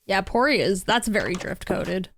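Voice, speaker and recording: A woman's voice: medium pitch, lively intonation, normal speed, slight background noise. A woman streaming a game from home, chatting casually with viewers in a rambling way, full of "like" and "literally". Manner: chatty, rambling, lots of 'like' and 'literally'. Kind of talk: casual livestream chat while gaming. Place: home room.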